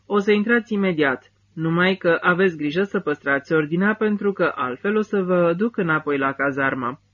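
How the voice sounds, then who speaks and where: A man's voice: high voice, a bit bright, muffled recording. A man voicing a stern male army officer who barks orders at his soldiers in an audiobook. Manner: curt, barking orders. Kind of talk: audiobook character voice.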